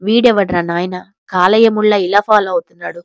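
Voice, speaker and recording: A slightly hoarse woman voicing a flustered young man in an audio story, anxious and whiny. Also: mid-range voice, steady tone, a little fast, no room sound, lo-fi sound, natural voice. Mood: panicky.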